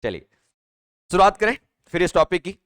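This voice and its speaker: A man's voice: high-pitched, very animated, normal speed, fairly bright tone, dry recording, studio quality. A male teacher giving a live online exam-prep class, chatty and repetitive, often asking his students questions. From Rajasthan, India.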